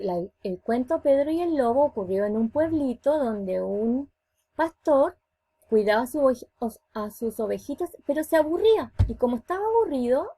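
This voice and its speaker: A woman teacher with a Chilean accent coaxes small children through a lesson. Her voice is high and it rises and falls a lot. It has a slightly husky edge. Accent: Chilean Spanish. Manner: animated, coaxing, asks the children questions. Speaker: schoolteacher. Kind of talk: virtual class for young children.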